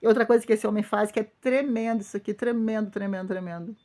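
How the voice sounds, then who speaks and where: A woman's voice: medium pitch, steady tone, fast talker, darkish tone. A woman pastor with a Brazilian Portuguese accent preaching an informal sermon, speaking emphatically, repeating phrases and addressing her listeners directly.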